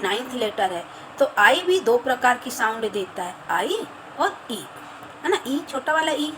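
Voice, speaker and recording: A woman teacher giving a phonics lesson to children, repeating each sound slowly and asking the class questions as she goes. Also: on the high side, background noise.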